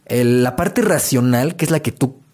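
A man's voice: medium pitch, moderate pace, a little mellow. A man giving a motivational talk, repeating phrases and asking the listener rhetorical questions. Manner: repetitive, rhetorical questions, addresses the listener directly. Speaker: motivational speaker.

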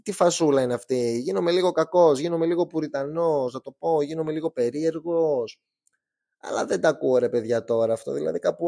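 A man's voice: fairly high pitch, vocal fry, dark tone, dry recording, clean studio sound. Chatty young man telling a true crime story. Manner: chatty, joking asides, slangy. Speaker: true crime podcast host. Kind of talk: casual storytelling narration.

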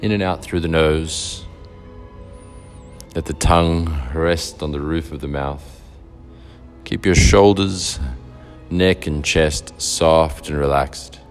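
A man guiding a meditation in a soft, soothing, unhurried way, leaving long pauses between phrases. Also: a bass voice, fairly even intonation, faint music behind. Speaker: meditation guide. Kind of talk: guided meditation narration.

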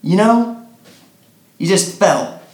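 A man playing a nervous young man who answers in quick, hushed, evasive bits in an audio drama. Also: high voice, lively intonation. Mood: rueful. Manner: hushed, fidgety, quick short replies. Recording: roomy echo.

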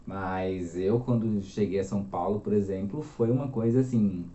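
Chatty young man, mellow roomy sound. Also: fairly low pitch, moderate pace, highs cut off. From Minas Gerais, Brazil. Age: 20s. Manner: chatty, animated storyteller. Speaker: guest. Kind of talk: casual interview chat.

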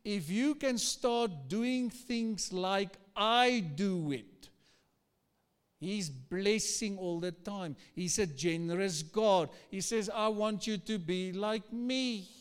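A male pastor delivers a sermon in the manner of a pep talk, exhorting listeners with repeated questions and commands. His voice is high for a man and smooth, with an unhurried, slow pace. It rings through a large hall. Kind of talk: rousing sermon exhortation, like a pep talk, calling for crowd response. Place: large reverberant church hall. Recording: long hall reverb.

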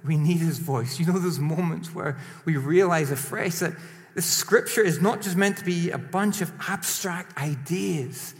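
A man preaching a sermon in a lively, emphatic way, rising to strong peaks and then dropping quiet. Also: fairly high pitch, measured pace. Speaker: pastor. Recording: long hall reverb.

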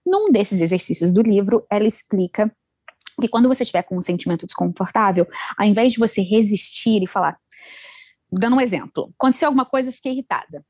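A woman chatting casually about self-help ideas, animated and acting out inner voices. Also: mid-range voice, fast talker, no room sound. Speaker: guest sharing self-help advice. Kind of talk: casual chat.

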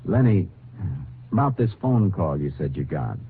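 Lawman narrator for old radio crime serial: low-pitched, steady, matter-of-fact, on a narrow, faintly noisy vintage recording. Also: normal speed. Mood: probing, firm. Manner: clipped, matter-of-fact, authoritative. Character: steady, methodical male Texas Ranger investigator and narrator. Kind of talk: 1950s radio crime drama acting and narration.

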